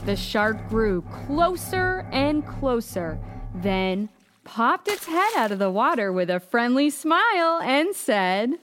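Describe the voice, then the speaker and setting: Woman reading a kids story, slow and super expressive, high voice, soft music behind. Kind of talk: children's story narration.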